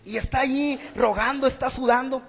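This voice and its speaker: A man's voice: extremely high pitch, fairly even intonation, a little fast, vocal fry, a bit bright, in a large hall. A man preaching a sermon in church, earnest and exhorting. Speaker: pastor. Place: church hall.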